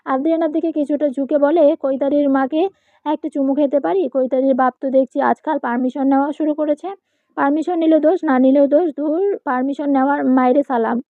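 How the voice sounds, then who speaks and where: A woman's voice: high voice, no room sound. A woman reading a romantic audio story aloud, doing every part herself with small slips. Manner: reads all parts herself, quick with small slips. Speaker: narrator. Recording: tinny phone-like, dry.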